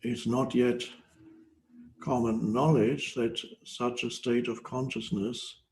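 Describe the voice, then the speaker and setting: An older man giving a guided meditation talk as a spiritual teacher, slow and hesitant, with long pauses between phrases. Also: mid-range voice, a little mellow, rough recording.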